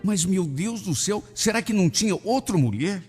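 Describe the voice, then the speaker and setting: A man voicing a worried, scolding middle-aged mother in a radio story, with a shrill, exasperated manner. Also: expressive, moderate pace. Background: soft music.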